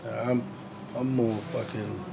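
A man's voice: medium pitch, steady tone, a little slow, vocal fry. A man chatting casually as an interview guest, swearing freely in laid-back slang. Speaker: podcast guest, band drummer. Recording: noticeable background noise.

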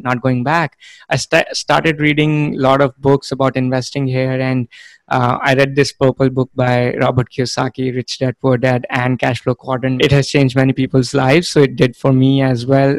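A man, speaking as a podcast guest. His delivery is flat and even, the sound dry and close, as he tells his story in a measured way with many fillers. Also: mid-range voice, dry recording. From India. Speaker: guest, real estate fund manager. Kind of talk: conversational interview.

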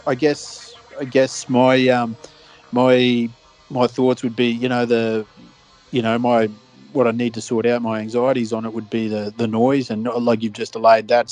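A man's voice: medium pitch, a little mellow. A man co-hosting a fishing podcast, chatting casually in an easygoing, agreeable and somewhat hesitant way. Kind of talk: casual chat.

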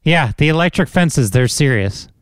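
A man telling stories in casual podcast chat, animated and jokey, close to the mic. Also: a little high, moderate pace, clear, resonant tone, dry recording. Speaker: podcast co-host. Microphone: close studio mic.

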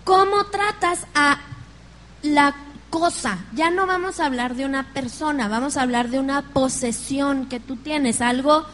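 High-voiced Mexican woman preaching. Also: a little slow, slight background noise. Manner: lively storytelling, laughs along with the congregation. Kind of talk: sermon.

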